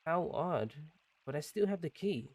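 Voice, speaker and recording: A man voicing a solemn gatekeeper of a sealed gate, reading in a slow, formal way while playing a game. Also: on the high side, expressive, dry recording.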